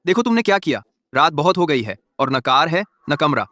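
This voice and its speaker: A man's voice: on the high side, big pitch swings, fairly quick, bright, forceful tone, slight background noise. A man voicing a confident young male company chairman who teases his rival in a dubbed drama. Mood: calm teasing.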